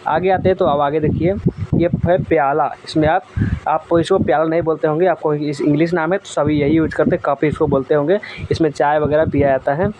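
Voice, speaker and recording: A man gives a vocabulary lesson in a slightly high voice, naming each item and then asking it back to drill it in. The recording carries a steady noise behind him. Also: fairly quick, poor audio. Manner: repeats each word and quizzes the viewer. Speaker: teacher.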